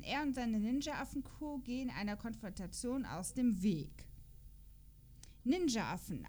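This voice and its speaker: Her voice is fairly high with a darkish tone, and a little hiss or hum is audible. She's a podcast host in a casual chat, reading out character profiles and letting out playful, gushing exclamations.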